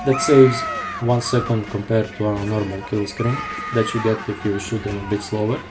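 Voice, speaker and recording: Over loud music, game sounds, and gunfire, a Croatian man gives live commentary on his speedrun, breaking it down step by step. Croatian is his first language; his voice is on the low side, fairly even, at normal speed, and he's casual and self-deprecating.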